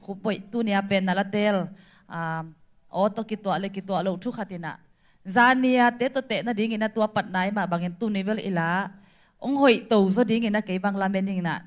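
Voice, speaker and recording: A woman speaking in a casual chat. Her delivery is easygoing and conversational, at an ordinary pitch. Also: brisk.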